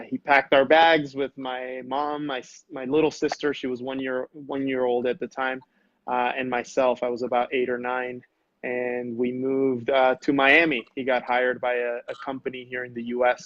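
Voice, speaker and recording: A man's voice: mid-range voice, dry recording. A man from Venezuela talks over a video call, hesitating often between thoughts. The line sounds dull and muffled. The voice is dry, with no room around it. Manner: hesitant, with many fillers. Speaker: guest. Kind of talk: casual interview talk over a call.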